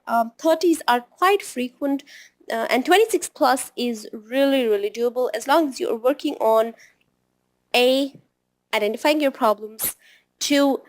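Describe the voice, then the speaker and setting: A middle-aged woman tutoring test takers in a video lesson, explaining step by step and often checking in with "right?". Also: high voice. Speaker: TOEFL tutor. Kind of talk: video lesson, advice to students.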